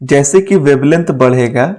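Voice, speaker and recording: A man's voice: mid-range voice, unhurried, a little mellow. Man, physics teacher, exam-prep lecture, casual, mixes English terms, board work. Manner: casual, repeats "है ना?" often. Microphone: writing on a board while talking.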